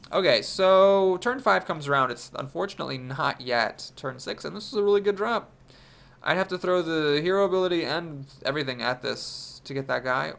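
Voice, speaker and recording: Commentating his own card game, a young male streamer works through his plays out loud in an analytical way, sounding congested from a cold. His voice runs on the high side, creaky and a bit bright.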